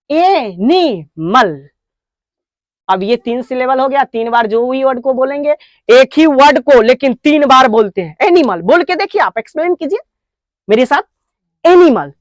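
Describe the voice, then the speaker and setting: A woman with an Indian accent teaching spoken English, breaking words into slow, stressed syllables. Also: fairly high pitch, dry recording. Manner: drawn-out, stressed syllable drills. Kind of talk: classroom lesson.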